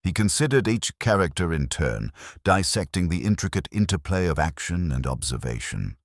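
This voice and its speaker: In a scripted mystery narration, a man with a very deep voice tells a detective story in measured, formal language. His pitch moves up and down in an animated way, and the recording is close and dry with no room sound.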